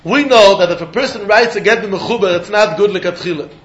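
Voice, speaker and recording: A man's voice: sits high, a little fast, a bit bright, dull audio. A man with a Yiddish accent teaching a religious text lesson in a sing-song pattern of questions and answers. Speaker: Talmud teacher. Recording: echoey room.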